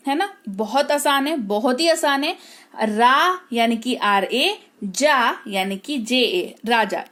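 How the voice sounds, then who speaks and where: A woman teaching English spelling, speaking patiently, repeating words slowly and checking that her students follow. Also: high voice, fairly bright tone. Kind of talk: explaining spelling to learners.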